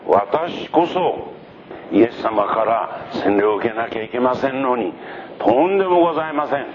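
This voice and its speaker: A man's voice: medium pitch, expressive, moderate pace, crowd noise, voice pushed up, lightly acted. A man playing a fervent, humble prophet. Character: earnest male prophet baptizing crowds. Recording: muffled lo-fi recording with noise.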